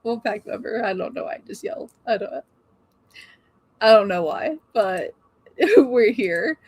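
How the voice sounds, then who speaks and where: Chatty woman hosting a slow live stream. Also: a little high, lively intonation, a little mellow, husky. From Oregon. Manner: chatty, greets viewers by name, laughs often. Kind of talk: casual live-stream chat.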